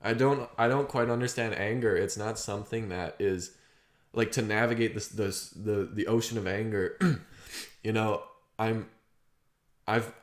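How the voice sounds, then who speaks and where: Low-voiced guy musing out loud, halting, swears a lot, echoey sound. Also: steady tone. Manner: rambling, halting, with frequent throat clearing and laughs; swears casually. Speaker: vlogger. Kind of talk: reflective personal monologue. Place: outdoors on a property.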